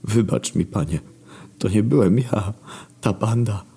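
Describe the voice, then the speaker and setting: Man voicing a submissive archangel, quiet, humble, fearful, storybook. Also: on the low side, a little slow, gravelly, breathy edge, pitched above the performer's own voice, full character voice.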